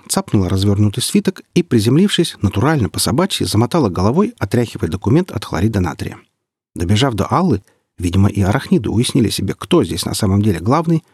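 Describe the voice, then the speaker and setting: A man reads a humorous story with a deadpan, mock-serious delivery. His voice is low with a husky grain. The sound is dry and close. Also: dry recording. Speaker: audiobook narrator. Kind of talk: humorous audiobook narration.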